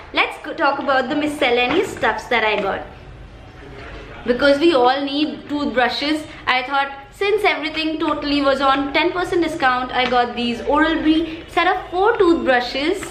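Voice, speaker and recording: A woman's voice: high voice, a bit bright. A woman with an Indian accent giving a chirpy, chatty haul video as a beauty vlogger, repeating words for emphasis. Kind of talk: casual shopping haul video. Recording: echoey room, faint background noise.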